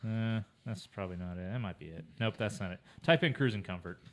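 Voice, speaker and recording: Casting note: young man, lowish voice, blunt jokey co-host, swears a lot. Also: brisk. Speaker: co-host of a car-shop livestream. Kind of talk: casual profane chat.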